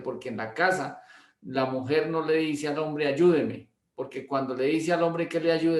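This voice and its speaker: Pastor telling a story. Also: male voice, mid-range voice. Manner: anecdotal, acts out dialogue, repeats words. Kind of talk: storytelling teaching class. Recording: roomy echo.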